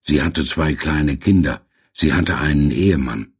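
A man voicing a stern grown woman with a sharp, cutting way of speaking, in an audiobook. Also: rumbling low, unhurried, slightly rough, exaggerated voice. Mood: grave. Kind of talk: audiobook character voice.

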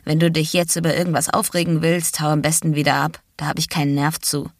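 A grumpy, irritable man in a creative slump, read by a woman. He bites out short, fast replies in a low, dry voice with no room around it. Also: little pitch movement, no room sound. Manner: snappy, curt, fast.

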